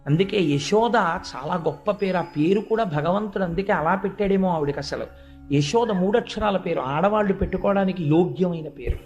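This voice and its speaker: A man's voice: sits high, normal speed, faint music behind. A man giving a devotional storytelling discourse, speaking to listeners directly and acting out the voices in his stories. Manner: lively, addresses listeners directly, acts out quoted voices.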